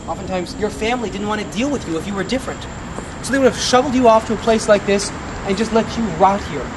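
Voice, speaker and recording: A man guiding a ghost tour, telling grim history in a dramatic, deliberate storytelling way with emphatic pauses, recorded outdoors. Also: high-pitched. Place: outdoors on a city street by an old building. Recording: outdoor recording with clear city traffic noise.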